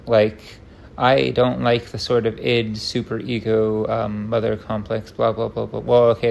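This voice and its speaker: A man's voice: on the low side, creaky, a little mellow, a little hiss or hum. A man rambling through an unscripted, tangent-prone rant, stopping and restarting himself, with wry self-deprecating humor.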